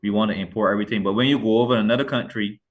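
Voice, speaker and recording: In a lo-fi recording, a middle-aged man from Barbados speaks very fast in a lowish voice with fairly even intonation. He's an author guest in a casual interview, earnest and rambling, with his Barbadian accent and many self-corrections and restarts.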